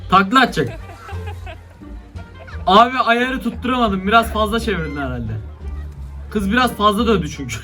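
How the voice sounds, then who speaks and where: A man's voice: high-pitched, animated, moderate pace, long pauses, sharp tone, soft background music. A young man giving casual, slangy commentary on funny video clips, often laughing and exclaiming. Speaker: YouTuber reacting to funny clips.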